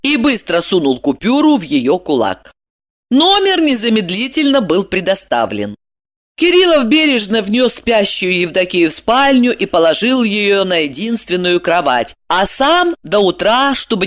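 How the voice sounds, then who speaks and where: A woman narrating a novel aloud, reading with lively, strongly varied intonation. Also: mid-range voice, normal speed. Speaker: audiobook narrator.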